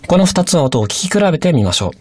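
A male teacher explains patiently and politely for a radio language lesson. His pitch moves in a lively, animated way. The sound is dry and close. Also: quick pace, slightly rough, no echo.

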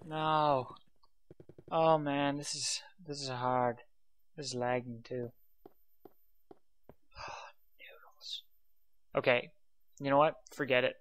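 A man's voice: medium pitch, flat delivery, unhurried, long pauses, fairly bright tone. A man giving casual gameplay commentary, exasperated, muttering to himself and sighing often. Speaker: let's play commentator.

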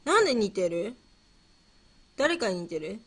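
Very animated yet measured, a woman with a medium-pitched, slightly rough voice hosts a relaxed livestream. She fumbles playfully through quiz questions, talks with viewers, and wonders aloud, often repeating herself.

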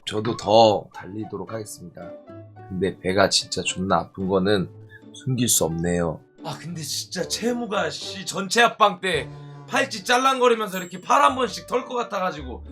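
A man's voice: on the high side, sing-song, moderate pace, pushed and bright, soft background music. A man streamer with a Gyeongsang accent, talking in a mock-dramatic, teasing way. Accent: Gyeongsang Korean. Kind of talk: casual stream talk.

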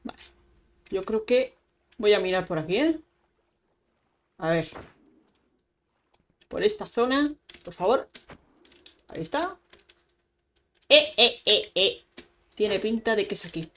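A young woman, a gaming YouTuber, chats her way through Minecraft gameplay, talking to herself and exclaiming often. Her medium-pitched voice is animated yet unhurried, with frequent pauses, and faint keyboard typing and clicks can be heard behind her.

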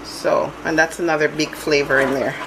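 A woman baking at home narrates each recipe step casually, with chatty restarts, while the camera looks down on her kitchen counter. Her voice is low and gravelly, level in tone and moderate in pace, and loud hand mixer noise fills this casual cooking demonstration.

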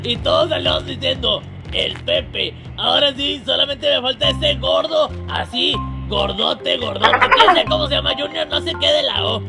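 A man's voice: very high voice, sing-song, moderate pace, creaky, few pauses, full character voice. A man playing a mischievous, gloating lion mascot in a children's comedy sketch, with silly clownish taunting and cackles. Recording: loud music over the voice.

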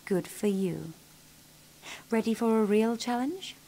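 A woman's voice: a little high, slow, dark tone. An actress playing a stern, demanding female officer who oversees a combat trial.

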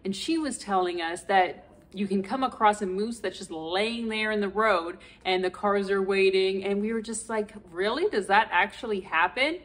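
A woman's voice: medium pitch, moderate pace. Chatty woman vlogging to camera. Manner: chatty and expressive, with lots of filler. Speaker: motorcycle travel vlogger. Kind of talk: casual travel vlog.

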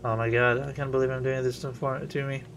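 Gravelly man chatting over a game. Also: mid-range voice, flat delivery, fast talker, a bit bright, slight background noise. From Israel. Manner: chatty, rambling, thinks aloud. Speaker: streamer. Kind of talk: casual gameplay commentary.

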